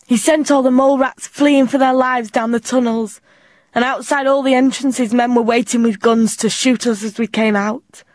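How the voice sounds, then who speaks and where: A weary old male mole rat guard with a hoarse, humble voice, as a woman reader puts him on. He speaks slowly and solemnly. Recorded dry and close. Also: on the high side, steady tone, darkish tone, no room sound, close to an everyday voice.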